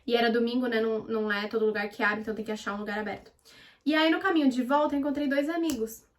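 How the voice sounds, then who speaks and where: A young woman with a Brazilian Portuguese accent chats through a story for her vlog. Her voice sits high and bright, and she talks in a lively, animated way. She acts out what people said as she goes. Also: very fast. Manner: chatty, animated, acts out quoted dialogue. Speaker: vlogger.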